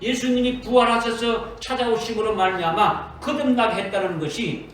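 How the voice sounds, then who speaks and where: A man's voice: high voice, moderate pace, fairly bright tone. A man preaching a sermon in a church, emphatic and repetitive, often quoting Jesus in direct speech. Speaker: pastor. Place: church sanctuary. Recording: echoey church hall from far off, faint noise.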